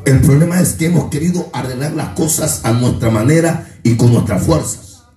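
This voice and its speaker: A man preaching as pastor, leading call-and-response and breaking into shouted, sung lines. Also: on the high side, normal speed. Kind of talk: sermon. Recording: echoey room from far off, music behind.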